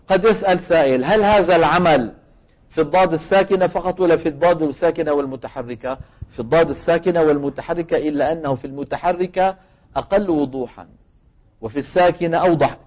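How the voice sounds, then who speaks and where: A man with a Levantine Arabic accent teaches tajweed, explaining patiently and asking the class questions that he answers himself. His voice sits a little high for a man. The recording is thin and narrow, as if heard over a phone. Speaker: Quran recitation teacher. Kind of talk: tajweed lesson.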